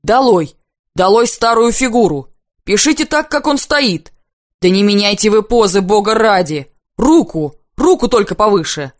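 A woman reading aloud, voicing an excitable young male painter who exclaims in frantic rapture, close to tears. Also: mid-range voice, normal speed, no room sound, close to an everyday voice. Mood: frantic, rapturous.

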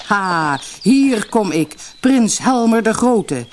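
A woman's voice: mid-range voice, sing-song, slow pace, darkish tone, slight background noise, voice pushed up. A woman voicing a boastful, impatient young prince who calls out exuberantly.

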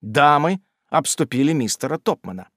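A man narrating a classic novel as an audiobook in an expressive storytelling manner. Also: fairly high pitch, moderate pace, dry recording, clean studio sound.

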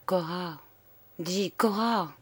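A woman's voice: on the low side, very slow, a bit bright, full character voice. Brief: woman doing a pale little clerk, stammering and overwrought. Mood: pleading. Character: small pale bald male clerk, frantic.

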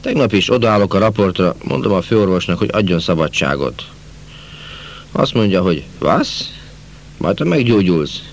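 A man's voice: low-pitched, a little hiss or hum. A man voicing a cheerful chatty peasant soldier. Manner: lively, folksy, talkative.

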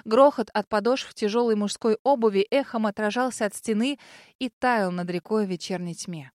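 A woman narrating a first-person fantasy audiobook in a lively, expressive manner. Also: medium pitch, normal speed, dry recording, studio quality.

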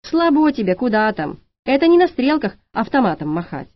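Woman reading as a shrill, brash young thief. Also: very animated, normal speed, dry recording. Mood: taunting. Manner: shrill, taunting, crude insults. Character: brash young female thief, rude and mocking. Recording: dry, slightly dull lo-fi audiobook.

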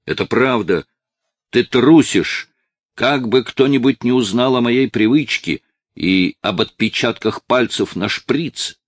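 A man voicing a desperate, tearful eighteen-year-old male addict who shouts and pleads with his father, in a dry, close recording. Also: medium pitch, slow pace, no room sound. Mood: agitated.

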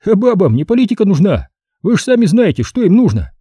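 A man's voice: sits high, very animated, quick pace, warm tone, breathy edge, no room sound, voice pushed up, exaggerated voice. A man putting on a cheeky, sly young army captain. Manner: cheeky, wheedling, raised voice. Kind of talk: audiobook character voice.

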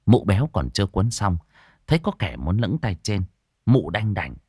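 A man narrating an audio story in a lively, expressive manner. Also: lowish voice, normal speed, slightly rough, no room sound, clean studio sound.

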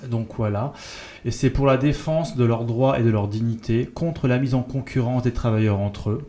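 A man's voice: medium pitch, mellow. A man presenting announcements on a community radio show, hesitant with many fillers.

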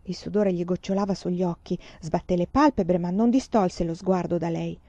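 A woman reading a novel aloud with a measured, expressive storytelling delivery. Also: lowish voice, dry recording, lo-fi sound. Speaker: reader.

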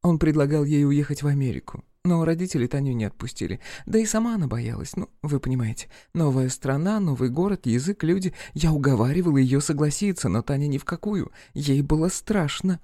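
A man's voice: fairly high pitch, animated, brisk, hardly any pauses, warm tone, no room sound, clean studio sound. A man voicing a gossipy, scornful young woman friend in an audiobook, talking in a catty, chatty, dramatic way.

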